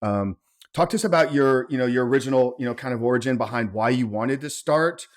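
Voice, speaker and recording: A man's voice: mid-range voice, fairly quick. A man with a mid-range voice hosting an interview podcast. He asks his guest questions in a casual way, stammering and repeating words as he gets going. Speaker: podcast host, coach.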